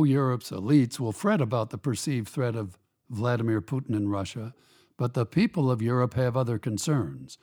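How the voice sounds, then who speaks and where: A man hosting a radio commentary program, reading a scripted opinion piece in a measured, emphatic, pointed way. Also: mid-range voice, dark tone.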